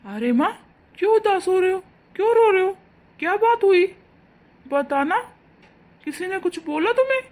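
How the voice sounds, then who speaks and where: A woman voicing a hotheaded young adult son in an animated family drama, blustering to defend his mother. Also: extremely high pitch, normal speed, pauses often, voice pushed up. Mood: protective.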